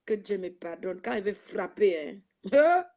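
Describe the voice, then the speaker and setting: A woman's voice: mid-range voice, big pitch swings, a little slow, darkish tone. A woman hosting a live video stream, talking to the camera in an emotional, preachy and repetitive way. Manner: preachy, repetitive, keeps saying "ma fille". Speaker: livestream host. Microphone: own camera.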